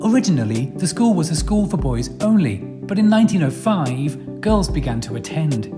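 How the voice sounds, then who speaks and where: Female narrator, deep, calm, with music bed. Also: moderate pace. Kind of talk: scripted narration.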